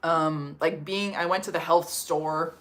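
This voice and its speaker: A Canadian woman hosts a casual livestream from her home in Portugal, chatting through viewer comments and leaning heavily on "like" as a filler. Her voice is low-pitched and fairly bright, with a measured pace and fairly even intonation.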